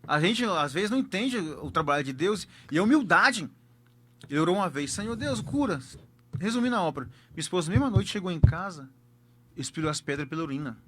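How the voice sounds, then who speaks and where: A man's voice: fairly high pitch, animated, fast, a bit bright. A man with a Brazilian accent, a pastor telling a personal testimony emphatically and repeating key words for effect.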